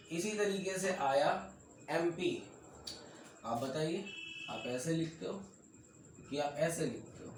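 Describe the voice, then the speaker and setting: Emphatic male teacher in an echoey room. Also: a little high. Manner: emphatic, repeats points, asks students questions. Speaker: English teacher for exam prep. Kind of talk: classroom lesson, explaining to students. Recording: very echoey room, mic far off, faint noise.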